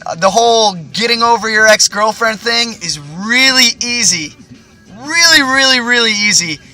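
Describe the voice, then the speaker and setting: A young man tells a boastful, profanity-laced story in a loose, rambling way. His voice sits high and sounds bright and sharp. Faint music plays underneath. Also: animated, normal speed. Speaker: vlogger. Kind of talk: casual storytelling monologue.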